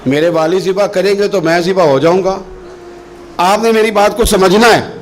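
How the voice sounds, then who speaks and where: A man delivering an emotional sermon, dramatically telling stories and acting out the speakers in them, with slow, drawn-out chanted recitation. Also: high voice. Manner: dramatic storytelling, acts out quoted voices with sudden rises and drops. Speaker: preacher.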